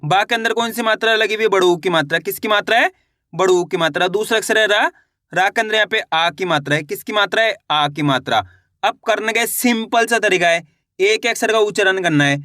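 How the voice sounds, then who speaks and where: A man teaching beginners to read, sounding out each letter slowly and encouraging his viewers, checking often whether they follow. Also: high-pitched, pushed and bright, no echo, studio quality. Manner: encouraging, addresses viewers as friends. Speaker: reading teacher. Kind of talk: beginner reading lesson.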